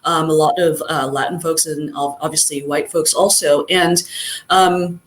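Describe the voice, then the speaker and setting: A middle-aged guest from Southern California, talking in a casual interview in a thoughtful, rambling way with many fillers. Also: female voice, deep voice, steady tone, measured pace. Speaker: guest chiropractor.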